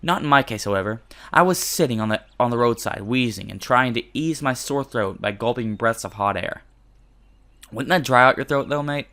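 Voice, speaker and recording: A man's voice: mid-range voice, normal speed, bright, forceful tone. Man reading a game aloud, joking. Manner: jokey, self-deprecating, swears casually. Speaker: let's play host. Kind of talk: reading a visual novel aloud with casual commentary.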